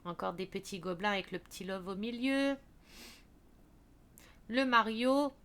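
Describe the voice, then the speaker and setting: A woman's voice: medium pitch, unhurried, a bit bright. A woman casually walking viewers through a craft shop's products, chatty with many fillers and restarts. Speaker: craft video creator.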